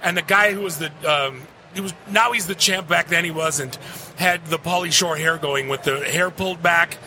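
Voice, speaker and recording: A man's voice: fairly high pitch, moderate pace, sharp tone. A man hosting a casual podcast chat, telling rambling jokey stories. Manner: joking, rambling storyteller. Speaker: podcast host. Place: busy convention floor. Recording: noisy convention background.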